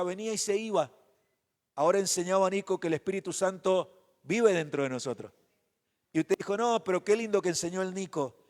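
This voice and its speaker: A man's voice: high voice, a little mellow. A man preaching a sermon as pastor, asking the congregation question after question. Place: church hall. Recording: reverberant church hall.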